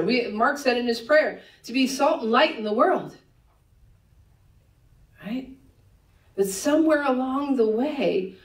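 A woman pastor preaching a sermon to her congregation, conversational and teasing, with quick laughs in her asides. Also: on the high side, distant mic. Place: church sanctuary. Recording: echoey church room, voice a bit off-mic.

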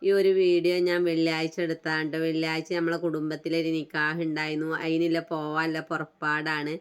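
A woman's voice: low-pitched, completely flat delivery, brisk, clear, resonant tone. A middle-aged woman with a Malappuram Malayalam accent, narrating a homely family vlog in a chatty manner. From Malappuram, Kerala. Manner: chatty, homely, tags sentences with "tto". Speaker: vlogger.

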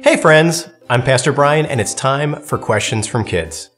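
Brief: man, pastor explaining things to kids in a friendly way, guitar music clear underneath. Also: mid-range voice, animated, measured pace. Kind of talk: answering kids' questions.

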